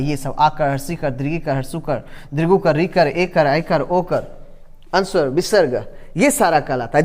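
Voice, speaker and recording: Male grammar teacher, high voice, stretched-out demonstration vowels, long reverb tail. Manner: drawn-out vowel demonstrations, constant "ठीक है" checks. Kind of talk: classroom-style grammar lesson. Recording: long echoing reverb in a room.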